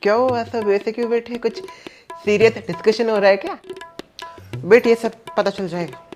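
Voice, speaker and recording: A man's voice: high voice, steady tone, moderate pace, over music. A man playing a blustery joking dad. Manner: loud, joking, blustery, shouts at times. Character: jokey middle-aged Indian father, fond of drink. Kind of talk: comedy sketch acting.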